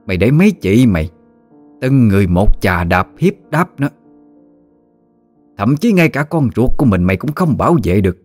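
A man voicing a furious old grandmother who harshly scolds her family in a long, accusing tirade, with lively pitch and faint background music.

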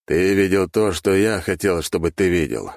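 A cold, unhurried dark mage taunts his foe in a low, gravelly voice, as a man reads him. He speaks calmly, with quiet, mocking contempt. The recording is dry and close. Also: no room sound. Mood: coldly amused.

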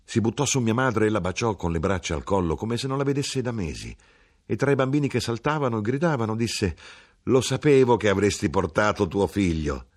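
A man giving an expressive, theatrical reading of a literary audiobook. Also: mid-range voice, a little fast. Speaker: audiobook reader.

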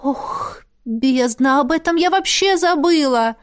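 A woman voicing an impulsive, joking young female magic student who speaks in bright, exclamatory bursts. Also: high-pitched, expressive, slow pace, voice pushed up. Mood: lively.

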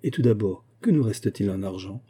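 Urgent, pressing male adviser read by a man, dark tone, audiobook. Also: fairly low pitch, expressive, fairly quick, breathy edge. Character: eager male secretary urging flight.

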